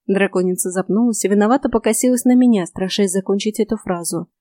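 A woman narrating an audiobook in the first person, in an even storytelling manner, recorded close to a studio mic. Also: medium pitch, fast talker, no echo.

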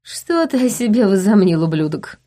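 A woman's voice: medium pitch, very animated, moderate pace, mellow. A woman voicing a drunk, arrogant young crown prince with a mocking, slurred drawl. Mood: menacing.

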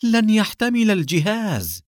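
A man voicing a fat male henchman who curses and yells in panic. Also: medium pitch, sing-song, moderate pace, breathy edge, dry recording, studio quality. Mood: panicked. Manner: frantic, cursing, yelling in fear.

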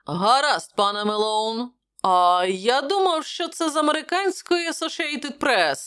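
Woman doing a gruff suspicious gatekeeper. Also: high-pitched, a little slow, a bit bright, pitched above the performer's own voice. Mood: gruff chatter.

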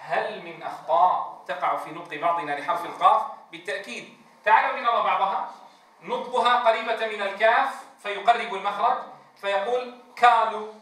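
A man's voice: sits high, fairly even intonation, bright, forceful tone. A man teaching Quran recitation, drawing out letter sounds for a class to repeat and quizzing them on each letter. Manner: drawn-out demonstrations of letter sounds, asks the class questions. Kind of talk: tajweed lesson with call-and-response drills. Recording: echoey room, distant mic, faint noise.

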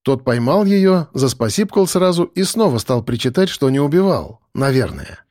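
A man narrating a first-person audiobook in a wry, lively storytelling manner. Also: medium pitch, moderate pace, dry recording, studio quality.

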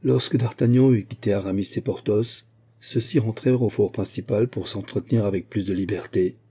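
Low, husky male audiobook narrator. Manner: measured, steady storytelling. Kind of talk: audiobook reading of a classic novel.

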